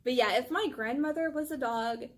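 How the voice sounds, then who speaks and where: A woman's voice: sits high, moderate pace. A woman co-hosting a vlog. She chats casually about her pet, gushing and filling her talk with "like". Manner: gushing, chatty, full of "like" fillers. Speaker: channel co-host. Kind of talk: casual chat about pets.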